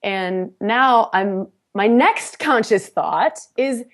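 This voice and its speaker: A woman guest on a podcast, telling a personal story in a casual, animated way, often laughing and restarting her sentences. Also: mid-range voice, drawn-out words.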